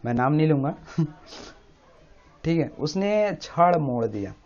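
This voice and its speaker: A man's voice: a little high, sing-song, a little slow, darkish tone. A man teaching an English grammar lesson. He explains step by step, repeats key words again and again, and keeps checking that the listener is following. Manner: repeats key words often, asks the listener "samajh rahe hain na?". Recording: dull lo-fi recording.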